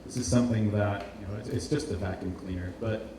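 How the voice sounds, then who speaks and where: Heavy echo surrounds this Portuguese designer as he gives an informal presentation indoors, recorded distantly in a roomy, noisy live hall. His pitch is fairly low and his intonation fairly even, and he talks fairly quickly. Still, he hesitates and repeats words while searching for phrasing.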